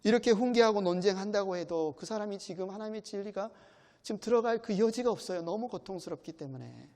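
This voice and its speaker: A man's voice: high voice, lively intonation, fast, a little mellow. A male pastor preaching a sermon in a church, earnest and addressing the congregation directly with questions. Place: church sanctuary. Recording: long church hall reverb.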